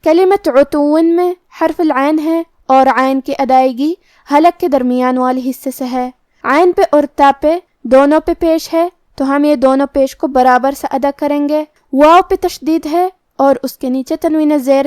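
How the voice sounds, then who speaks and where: A woman teaching Quran pronunciation rules in a calm, methodical way. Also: high-pitched, no echo, studio quality. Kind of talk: tajweed lesson, explaining then reciting slowly.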